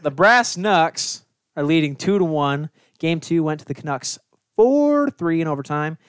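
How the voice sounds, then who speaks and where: A man's voice: a little high, animated, measured pace, clear, resonant tone, dry recording, clean studio sound. A man co-hosting a casual hockey podcast, laid-back and teasing, reading game results off his notes. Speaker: podcast co-host.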